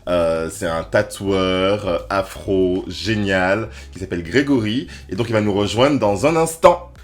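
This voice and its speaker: A man's voice: low voice, a little slow, echoey room. A male co-host chatting playfully and teasing his guest. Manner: playful, teasing, bursts into song. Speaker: podcast co-host. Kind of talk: casual interview chat.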